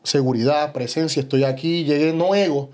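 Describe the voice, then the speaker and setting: A man's voice: a little high, normal speed. A young adult man with a Puerto Rican Spanish accent, a bodybuilder guest telling stories animatedly in a casual podcast chat, peppering his talk with "you know". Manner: animated storytelling, frequent "¿sabes?".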